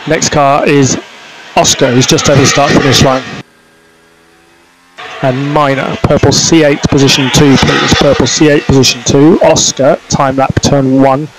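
A man's voice: medium pitch, flat delivery, moderate pace. A man working as a race engineer, giving terse, procedural race spotter callouts on traffic over team radio. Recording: noisy car-to-pit radio transmission.

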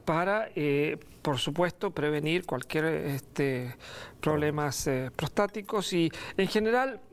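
A middle-aged man presenting a recipe on a studio kitchen set, relaxed and pausing often with fillers. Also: on the high side. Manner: relaxed, hesitant with many fillers. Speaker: cooking show host. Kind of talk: cooking demonstration.

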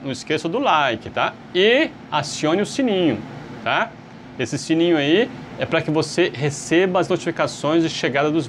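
A man's voice: a little high, slight background noise. A man with a Brazilian accent teaching an English lesson, asking rhetorical questions and checking in with "tá?" as he explains. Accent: Brazilian Portuguese. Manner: lively, asks rhetorical questions, frequent "tá?" check-ins.

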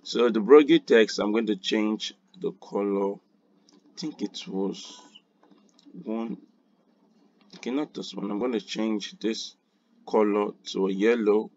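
A man hosting a screen-recorded design tutorial, unhurried and thinking aloud with quiet muttered asides. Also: on the low side, muffled recording.

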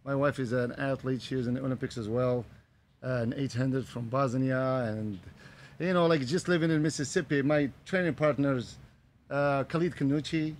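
A man in his forties from Morocco, a running coach, speaking in a halting, filler-heavy way into a handheld mic outdoors on a patio. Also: medium pitch, slight background noise. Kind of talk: casual interview.

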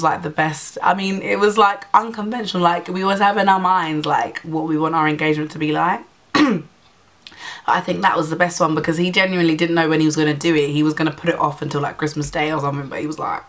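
A young woman chatting through a storytime vlog, animated and loose, scattering fillers as she goes. Her voice sits a little low for a woman. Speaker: vlogger. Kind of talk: casual storytime.

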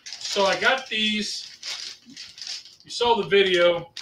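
A man's voice: sits high, slow pace, reverberant, background noise. A man on a landline phone, co-hosting a live cooking stream in easygoing, rambling chat. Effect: over a landline phone.

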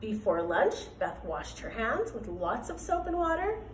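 Expressive woman reading a children's story. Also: fairly high pitch, measured pace, slight background noise. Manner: expressive, emphatic, sing-song. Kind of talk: children's storybook read-aloud. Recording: roomy echo, voice from a distance.

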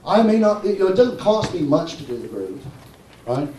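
A man's voice: high-pitched, sing-song, moderate pace, dark tone, a little hiss or hum. Emphatic man in an echoey hall. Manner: emphatic, keeps asking "okay?" and "right?". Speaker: speaker presenting his engine modification. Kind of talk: animated conference talk. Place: conference hall. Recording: echoey hall, mic far off.

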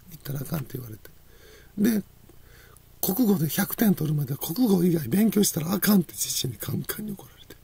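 This channel host is a woman with a low, gravelly, slightly rough voice and a warm tone. Speaking with a Kansai Japanese accent, she tells a rambling personal story and laughs often between phrases.

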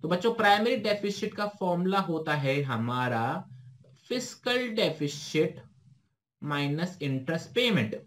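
Brisk high-voiced Indian teacher. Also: male voice, sing-song, a bit bright. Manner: brisk explaining, slow careful reading of English questions; asks himself questions and answers them. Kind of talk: exam-prep lesson talk.

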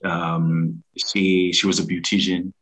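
A man in his thirties from Zimbabwe, a business founder telling his story over a video call in a halting, restarting way. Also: low voice, little pitch movement, fairly bright tone, low-quality recording. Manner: halting, many restarts and fillers. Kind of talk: casual interview storytelling. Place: room at home, indoors.

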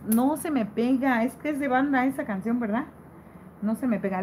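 Woman on a live stream reading the chat out loud, kinda high voice, takes it slow, teasing and sweet. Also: a little hiss or hum, low-quality recording. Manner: reads viewer comments aloud and answers affectionately; playful, teasing, laughs often.

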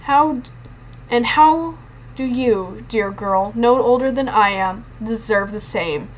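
A woman's voice: on the high side, takes it slowly, highs cut off. A woman voicing a haughty, frightened young aristocratic boy who talks in a lecturing, superior tone.

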